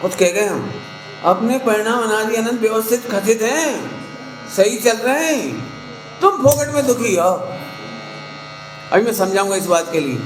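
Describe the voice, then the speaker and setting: A man giving a conversational sermon to a gathering, acting out scolding parents and quoted people in a sharp rising voice. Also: high-pitched, animated, unhurried, long pauses. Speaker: Jain preacher. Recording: echoey hall, faint hum.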